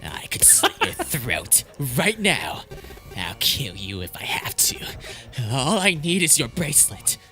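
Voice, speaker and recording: A man voicing a scrawny, nervous, menacing villain in a game, with stammering, halting, drawn-out threats. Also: on the high side, wildly swooping pitch, pushed and bright, heavily acted. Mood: threatening. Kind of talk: amateur voiced playthrough of a visual novel. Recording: music behind the voice.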